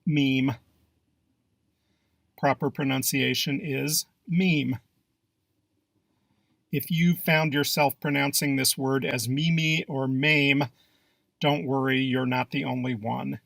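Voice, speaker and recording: A man narrating a scripted English pronunciation lesson in a dry, measured way. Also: medium pitch, fairly even intonation, creaky, a bit bright.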